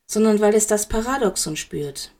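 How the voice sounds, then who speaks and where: A woman reading a calm, soft-spoken old male headmaster wizard in a fan fiction audiobook. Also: mid-range voice, moderate pace.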